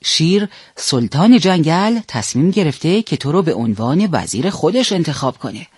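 Wheedling storybook fox, male, sly and smooth-talking, a man voicing him, husky and fairly high. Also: big pitch swings, no echo, clean studio sound. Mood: persuasive. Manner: wheedling and persuasive. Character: sly flattering male fox, the lion's minister.

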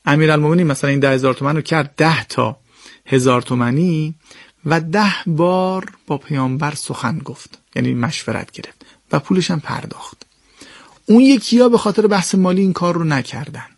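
A man giving an animated religious talk, explaining verses to his listeners with lively swings in pitch and pace. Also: creaky, no room sound, studio quality. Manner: addresses listeners directly and politely.

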